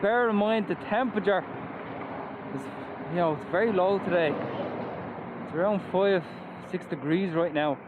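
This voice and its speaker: Wearing a helmet and mask on a moving electric scooter by the road, an enthusiastic Irish-accented reviewer from Ireland offers casual ride-along commentary. His voice sits high, he speaks at normal speed with long pauses, and the phone-quality sound includes traffic and wind noise.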